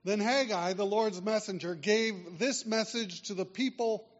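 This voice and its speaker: A man preaching a sermon, pushing hard on key words and then dropping to a near hush. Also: high-pitched, unhurried. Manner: emphatic preaching with wide swings in loudness. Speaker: pastor. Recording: dull lo-fi sound in a reverberant hall.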